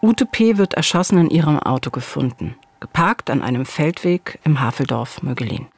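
Speaking at normal speed in a low, husky, sing-song voice, this true-crime podcast host is a woman in her forties. She presents the story as scripted narration in dialogue from a small dark studio, using a studio boom mic and headphones.

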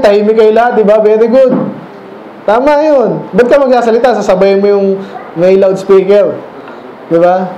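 Preaching a conversational Bible lesson in a church, a Filipino-accented man keeps tossing in rhetorical check-ins such as "right?" and "okay?". He has a high voice with a dark tone, and the echoey room yields dull lo-fi audio with slight background noise.

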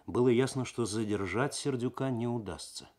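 A male narrator with a medium-pitched voice reads prose for 1970s radio at a moderate pace. He performs in an actorly, expressive, literary style, building suspense.

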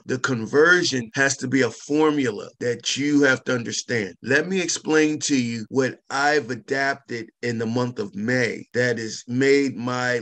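A man's voice: medium pitch, a bit bright. A middle-aged man who owns a carpet cleaning business, speaking casually and emphatically as a guest and repeating his key points like a salesman. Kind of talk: casual testimonial chat.

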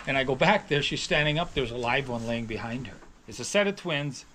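A man's voice: medium pitch, expressive, a little fast, pushed and bright. Middle-aged farmer guy chatting about his cows, wanders off track a lot, middle-range voice, faint hum in the background. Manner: rambling, with many restarts and hedges. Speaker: dairy farmer. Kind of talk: casual storytelling. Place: on a farm, near calves.

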